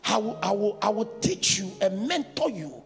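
A man's voice: sits high, big pitch swings, normal speed, vocal fry. A man preaching a sermon as a bishop, telling stories with laughs and call-outs to the congregation. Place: large church hall. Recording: long church reverb, faint music.

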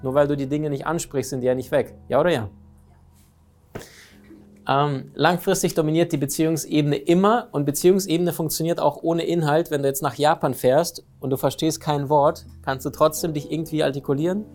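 Lively man giving a motivational talk. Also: fairly high pitch, fairly quick, soft background music. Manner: lively, keeps asking the audience questions. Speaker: speaker on communication and relationships.

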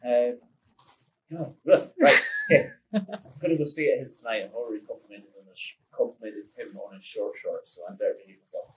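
A man's voice: medium pitch, fairly quick, fairly bright tone, rough recording. A man hosting a podcast, chatting casually, laughing often and restarting his sentences. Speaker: podcast host. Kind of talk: casual interview chat.

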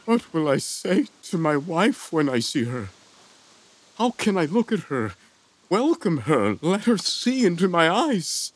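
A man's voice: a little high, very animated, measured pace. An actor playing an anguished king torn over his daughter, in a declamatory, grief-stricken stage delivery for an audio drama.

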